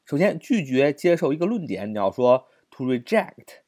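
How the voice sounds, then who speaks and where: A man teaching English vocabulary in an audio lesson, repeating each word and spelling it out slowly letter by letter, with frequent drawn-out "ah" fillers between phrases. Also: mid-range voice, big pitch swings, darkish tone, no room sound, studio quality.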